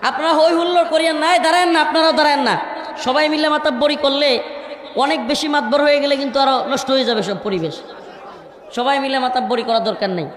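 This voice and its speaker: High-voiced preacher scolding a noisy crowd. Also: male voice. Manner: pleading and scolding the crowd to keep quiet; slow chanted scripture recitation. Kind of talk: sermon at a crowded religious gathering. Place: crowded stage at a large outdoor gathering. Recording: echoing reverb over a murmuring crowd.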